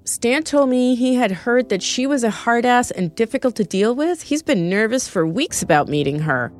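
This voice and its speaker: A woman reading Stevie, excitable and indignant. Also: mid-range voice, moderate pace, soft background music, voice pushed up, close to an everyday voice. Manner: stammering, rising indignation. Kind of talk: storybook character reading.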